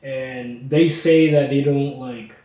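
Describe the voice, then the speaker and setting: A man's voice: mid-range voice, steady tone, slow pace, mellow. A young man hosting a casual podcast chat, laid-back, with lots of fillers and laughs. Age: young adult. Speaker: podcast host. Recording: echoey room, mic at a distance.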